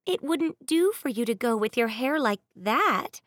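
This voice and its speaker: Timid young maid, high and bright, eager to please, read by a woman narrator in a dry booth. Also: animated, measured pace, no room sound. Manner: meek, polite, cautious.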